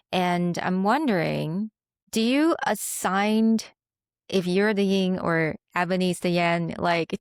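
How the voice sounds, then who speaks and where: A woman hosting a podcast, asking questions in a warm, admiring, unhurried way. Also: fairly low pitch, no echo, studio quality. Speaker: podcast host. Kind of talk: casual interview chat.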